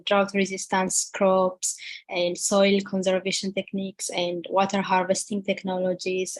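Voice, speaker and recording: Young woman from Ethiopia, PhD student, webinar talk, halting delivery with fillers, dry video-call sound. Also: medium pitch, no echo. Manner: halting, many fillers and restarts. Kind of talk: webinar presentation.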